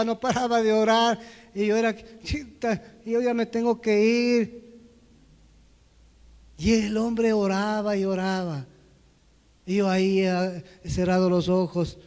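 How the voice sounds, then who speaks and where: Male preacher, high-pitched, storytelling, long hall reverb. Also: clean tone. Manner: storytelling, swings from loud to hushed. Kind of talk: sermon testimony. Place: church hall.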